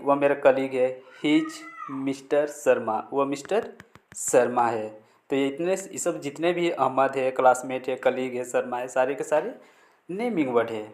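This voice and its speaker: A man's voice: medium pitch, darkish tone. A man teaching spoken English in Hindi, saying short English sentences aloud and translating each one.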